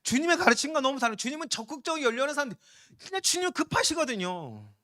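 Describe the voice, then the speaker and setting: A male pastor delivers a sermon in a high, bright voice at a rapid clip. He preaches with urgent emphasis and sometimes slips into slow, lazy voices to act out the people he quotes. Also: big pitch swings.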